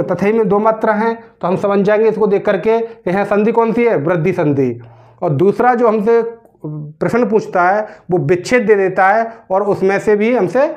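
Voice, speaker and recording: High-voiced teacher explaining grammar. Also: male voice, darkish tone, highs cut off. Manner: repeats questions to the class, drags out words while writing. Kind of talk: classroom grammar lesson.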